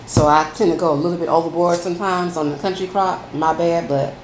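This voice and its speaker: Casual mukbang host: woman with a lowish voice, folksy and chatty, recorded in a very roomy space. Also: steady tone, brisk. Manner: folksy, addresses listeners as y'all. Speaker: food vlogger. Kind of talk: casual chatty mukbang, talking to viewers while eating. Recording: echoey room, faint background noise.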